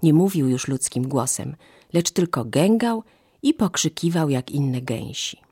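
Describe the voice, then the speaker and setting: A woman reading a fairy tale aloud in a slow, expressive storytelling manner. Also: low voice, slightly rough, dry recording, studio quality.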